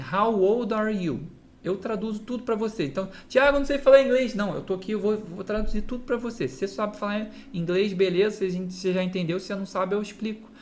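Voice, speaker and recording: A man with a Brazilian Portuguese accent giving a direct-to-camera guitar lesson, often checking in with the listener through quick rhetorical questions. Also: sits high. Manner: explains with repeated "entende?" and quick rhetorical asides. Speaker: guitar teacher.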